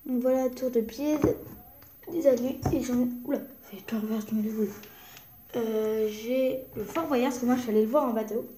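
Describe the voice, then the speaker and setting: A young woman from France chats through a casual show-and-tell vlog, excitable and slipping now and then into whispers. Her voice sits fairly high with a mellow tone. The room around her is echoey. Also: moderate pace, slight background noise. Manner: chatty, excitable, drops into whispers. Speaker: vlogger.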